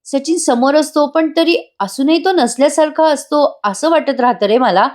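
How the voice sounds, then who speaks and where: A woman's voice: high-pitched, normal speed, darkish tone, pitched above the performer's own voice, lightly acted. A woman reading out a troubled young pregnant woman's words to her brother, restless and wistful.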